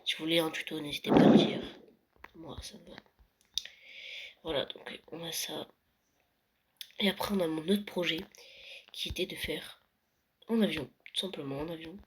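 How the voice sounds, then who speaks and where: A young vlogger touring a Minecraft world late at night, often whispering and speaking softly. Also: mid-range voice, normal speed, long pauses. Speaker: gaming vlogger. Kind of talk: casual Minecraft world tour. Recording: loud background noise.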